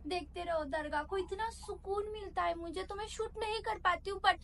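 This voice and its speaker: High-voiced young woman vlogging. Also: creaky. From India. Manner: chatty, playful, self-mocking; talks loud and fast over traffic in the market. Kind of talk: casual travel vlog. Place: outdoor market street. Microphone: handheld phone camera. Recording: traffic noise behind.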